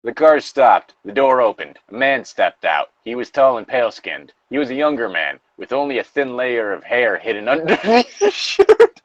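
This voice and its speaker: This co-host of a comedic fan-fiction reading makes fun of the story he's reading with crude, wry, irreverent humor as they banter casually. His medium-pitched voice swings widely in pitch at a moderate pace, and the dry recording has its highs cut off.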